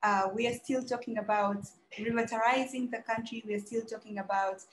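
A woman's voice: a little high, steady tone, fairly quick, echoey room, slight background noise, poor audio. A young woman from South Sudan giving an earnest, urgent conference talk over a webcam video call, repeating phrases for emphasis. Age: young adult. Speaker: conference speaker. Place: dim indoor room.

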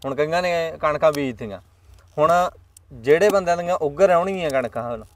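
A man's voice: on the high side, brisk. A Punjabi man hosting a farming interview, chatting casually and speaking directly to viewers. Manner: chatty, addresses viewers as friends. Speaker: farming channel host.

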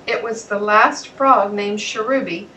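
A woman reading a children's storybook aloud in a plain, steady way. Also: medium pitch, a little slow, far from the mic, slight background noise, rough recording. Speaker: narrator.

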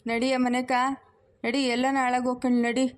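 Woman doing a hot-headed grandpa, cartoon, bossy and high. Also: flat delivery, moderate pace, lightly acted. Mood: angry, scolding. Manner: scolding, threatening. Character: angry protective grandfather, hot-tempered.

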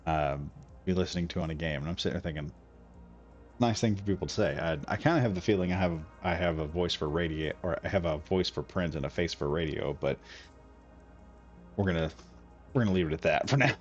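A man streams a building game, talking himself through each step in casual, rambling commentary. His voice sits low and moves a little fast, and the slightly dull audio carries faint music.

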